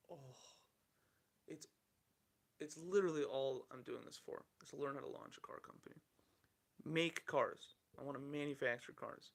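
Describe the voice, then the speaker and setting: A man's voice: medium pitch, gravelly, fairly bright tone. A man in his thirties hosting a solo podcast, rambling candidly through the news and swearing casually. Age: 30s. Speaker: podcast host.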